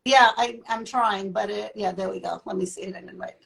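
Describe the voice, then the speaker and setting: A woman's voice: medium pitch, brisk, gravelly, fairly bright tone, low-quality recording. A woman co-hosting a casual live-streamed chat, talking in a chatty way with restarts and laughter. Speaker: co-host of a live talk show. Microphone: phone.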